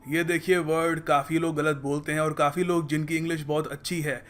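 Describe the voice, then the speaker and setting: A man with a fairly high voice teaches pronunciation in a playful, teasing way. He says each word slowly and repeats it as a drill. Soft music plays faintly under his voice. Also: level tone. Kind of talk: lively explanatory lesson.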